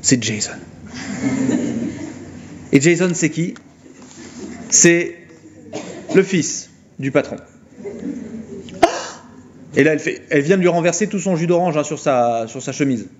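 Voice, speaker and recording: A man giving an informal philosophy lecture, retelling a film plot with mocking, animated storytelling. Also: fairly high pitch, measured pace, long pauses, lo-fi sound, background noise.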